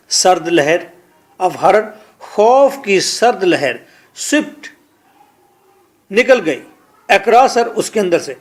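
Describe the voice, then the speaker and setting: A man with a Pakistani accent and a voice that sits high teaches an English lesson. He reads each line slowly, then translates and explains it, often repeating words.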